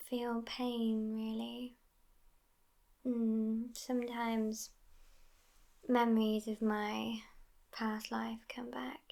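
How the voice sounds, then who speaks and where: In an ASMR roleplay, a woman voices an immortal vampire girlfriend who is sassy but affectionate. Her slightly high, creaky voice stays hushed and often drops to a whisper, delivered languidly.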